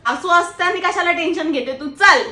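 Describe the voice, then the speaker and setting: A woman playing a loud, protective, bossy but doting mother-in-law in a comic sketch. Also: very high-pitched, fairly quick, reverberant. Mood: bold.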